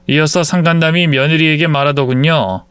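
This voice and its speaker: A man's voice: a little high, brisk, clean tone, dry recording. A man narrating a dramatic story aloud in a scripted reading style, acting out the dialogue. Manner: lively reading with acted dialogue.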